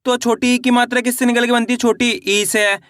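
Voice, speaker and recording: A man with a high, bright voice gives a patient beginner lesson. He keeps asking questions and answering them himself, repeating each point. The sound is close and dry, with no room echo. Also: flat delivery, brisk. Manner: repetitive, asks and answers own questions. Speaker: Hindi teacher. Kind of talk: online lesson.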